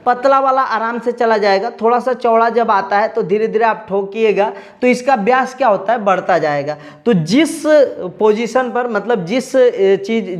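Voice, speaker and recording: A man explaining, step by step, how to weld AC copper pipes, talking directly to his students as an instructor. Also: high-pitched. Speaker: AC repair instructor. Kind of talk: tutorial lesson.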